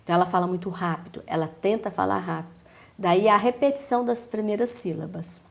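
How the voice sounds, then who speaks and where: A woman with a Brazilian accent, a speech therapist giving a calm, didactic explanation in a TV interview, with measured pauses. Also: medium pitch, vocal fry. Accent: Brazilian Portuguese.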